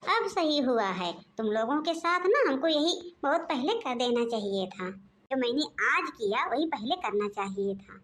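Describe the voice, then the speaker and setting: A domineering old mother-in-law, voiced by a woman, who shouts and taunts in a high, piercing voice. She scolds everyone around her with scornful, bossy sarcasm. It is a cartoon family comedy performance. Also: lively intonation, measured pace, background noise. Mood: taunting. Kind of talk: cartoon voice acting.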